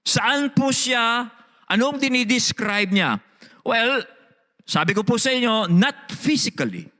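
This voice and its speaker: A man's voice: very high-pitched, expressive, slow pace, pushed and bright, long reverb tail. A man with a Filipino accent, a pastor preaching a sermon, switching between Tagalog and English and often asking the congregation "Okay?". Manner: mixes Tagalog and English, frequent "Okay?" check-ins, repeats words.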